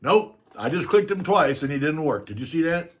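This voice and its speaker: A man's voice: fairly high pitch, sing-song, normal speed. An older man telling a story on his channel in a casual, rambling way, often laughing as he goes. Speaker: vlogger.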